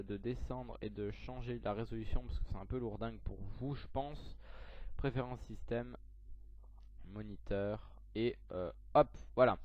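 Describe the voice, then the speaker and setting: A young man talking through a software tutorial on his computer, hesitant, with lots of fillers and self-corrections. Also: medium pitch, no room sound. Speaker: tech tutorial youtuber. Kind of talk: screen-recorded software tutorial. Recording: dull lo-fi mic, dry.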